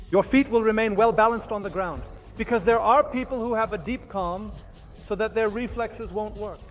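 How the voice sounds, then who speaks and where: A man giving an instructional hypnosis demonstration as a teacher, speaking in short, halting phrases with commands and repetitions. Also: sits high.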